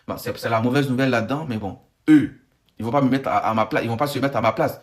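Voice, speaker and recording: A man's voice: medium pitch, quick pace. A man giving casual, sarcastic commentary on the news, rambling with frequent restarts. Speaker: online commentator.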